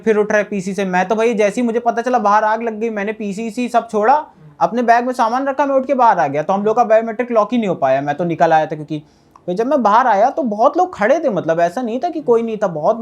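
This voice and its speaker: Man earnestly recounting a fire, voice dropping low. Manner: earnest, rambling retelling with many fillers, often dropping quieter. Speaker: fire survivor interviewed in a ground report. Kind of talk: eyewitness account in an interview.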